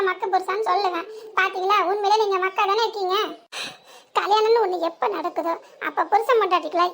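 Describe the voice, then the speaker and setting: A woman's voice: very high-pitched, fairly bright tone. A woman voicing an emotional, loyal young village wife in a cartoon, with a southern Tamil Nadu accent, teasing and earnest by turns. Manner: teasing, then tearful and earnest. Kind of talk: cartoon voice acting.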